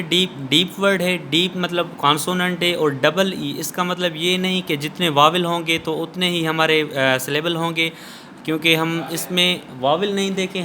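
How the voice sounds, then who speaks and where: Male teacher, bright forceful tone, a slightly higher voice, patient and explanatory in an online lesson. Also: slight background noise. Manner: patient, explanatory, reads verses slowly. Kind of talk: online lecture.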